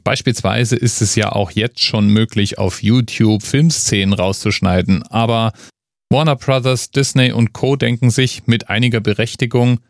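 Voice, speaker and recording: Addressing his audience directly, a male online commentary host delivers emphatic, conversational opinions and poses rhetorical questions. His voice sits in the mid range, and the recording is a clean studio capture without any room sound.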